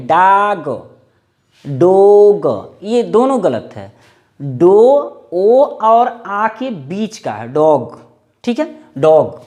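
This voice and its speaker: Slow, lively man teaching spelling. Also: sits high. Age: 40s. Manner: spells words letter by letter, repeats each pronunciation. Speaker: English teacher.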